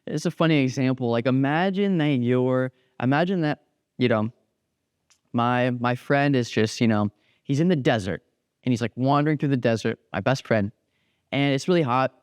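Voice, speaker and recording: A young man giving a casual youth sermon, animated, acting out little quotes as he goes. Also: mid-range voice, normal speed, clear, resonant tone, no room sound, studio quality. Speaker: youth pastor.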